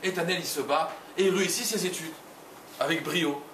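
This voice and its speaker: A man preaching as a rabbi, telling a long story to the people in front of him and repeating phrases to drive them home. His voice sits fairly high and comes from far off the mic. The room echoes, with noise in the background. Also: a little fast. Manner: addresses listeners directly, repeats phrases for emphasis. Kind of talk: storytelling sermon. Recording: roomy, distant mic, noisy ambience.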